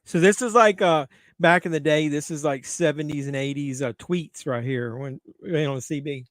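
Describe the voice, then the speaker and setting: Middle-aged man, stream host, crude jokey banter, fairly high voice, dry close sound. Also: normal speed, a bit bright, dry recording. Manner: crude, joking banter with chat. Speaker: livestream host. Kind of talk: casual watch-along chat.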